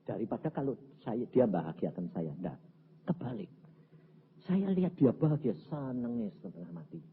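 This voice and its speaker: A male evangelist, preaching a sermon as a dramatic story and swinging from low murmurs to shouts. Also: big pitch swings, normal speed. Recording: tinny lo-fi recording with faint background hiss.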